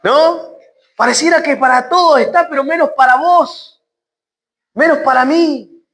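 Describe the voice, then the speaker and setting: A woman preacher with an Argentine accent speaks in a high voice, giving an emphatic sermon. She repeats key phrases and sinks her voice low to press a point home. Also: a little slow, fairly bright tone, a little hiss or hum. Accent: Argentine Spanish.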